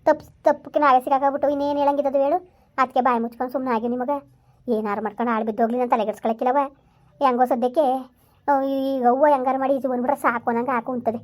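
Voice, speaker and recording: A woman's voice: high-pitched, level tone, fast talker, a little mellow. A woman in a village comedy skit who pleads and complains. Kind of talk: village drama dialogue.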